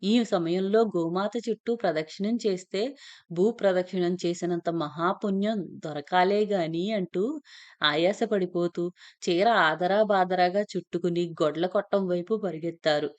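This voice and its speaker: A woman narrating a first-person story in a steady, plain telling voice. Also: on the low side, a little slow.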